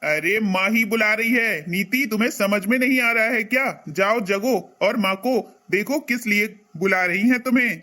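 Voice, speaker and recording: A man's voice: high-pitched, moderate pace, few pauses, bright, forceful tone. A man playing a lazy young husband who grumbles about getting out of bed. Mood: grumbling.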